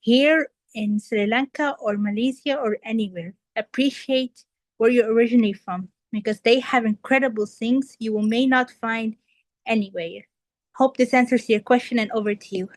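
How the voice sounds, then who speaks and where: A young woman from Kuwait delivers an earnest impromptu table topics speech, addressing the audience directly. Her voice is on the high side at a moderate pace, and the audio is poor with no room sound.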